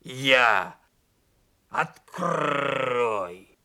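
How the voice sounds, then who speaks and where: A man voicing a timid little male donkey turned into a wolf in a storybook reading, hoarse and growly, bewildered and pleading. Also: mid-range voice, expressive, extremely slow, pushed and bright, voice pushed down, exaggerated voice.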